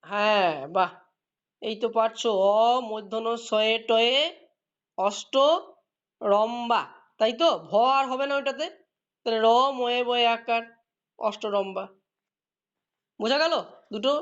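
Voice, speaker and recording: A woman's voice: a little high, normal speed. Woman teacher, questioning students. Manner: explains patiently, asks students questions and praises answers. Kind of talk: classroom lesson. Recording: dull lo-fi recording.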